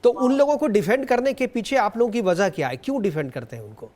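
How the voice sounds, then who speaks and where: A man hosts a news panel, handing the floor to guests and pressing them with pointed questions. His voice sits high for a man. He cuts in often to steer the talk. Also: lively intonation, quick pace, a little mellow. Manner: probing, interjecting. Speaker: news debate anchor. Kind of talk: moderating a panel debate.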